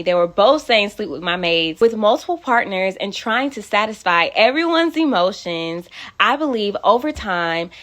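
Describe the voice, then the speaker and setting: A woman hosting a faith-based channel, talking earnestly and tenderly to her viewers about a Bible story, at times close to tears. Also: mid-range voice. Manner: earnest, tender, sometimes emotional. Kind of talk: heartfelt devotional talk to camera.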